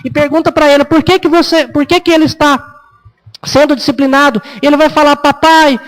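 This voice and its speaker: A man's voice: very high voice, steady tone, brisk, rough recording. A Brazilian man, a pastor, preaching a sermon in a conversational way, acting out parents and children in a raised voice. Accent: Brazilian Portuguese. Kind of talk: expository sermon.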